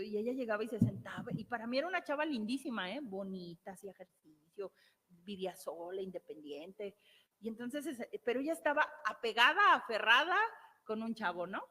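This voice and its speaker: With a Mexican accent, a woman therapist delivers an emphatic motivational talk, repeating key phrases and posing rhetorical questions. Her slightly high voice is bright, forceful and expressive, and she speaks a little fast. A long hall reverb surrounds the recording.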